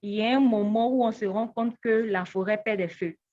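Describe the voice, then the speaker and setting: A woman's voice: mid-range voice, mellow, lo-fi sound, faint music behind. Woman speaking through a crackling, distorted mic. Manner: halting, with frequent restarts. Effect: crackling, distorted microphone. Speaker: student presenter. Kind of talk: classroom presentation.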